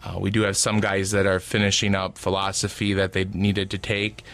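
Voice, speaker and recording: Low smooth voice, late 20s guy from wisconsin, kinda hesitant, lots of uhs. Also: completely flat delivery, normal speed, fairly bright tone, no room sound. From Wisconsin, USA. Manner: hesitant, many uh and um fillers. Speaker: seminarian guest.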